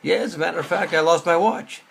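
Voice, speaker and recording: A man's voice: on the high side, fast, vocal fry, husky, pitched above the performer's own voice. A man voicing a foolish man in a joke, answering in a matter-of-fact way.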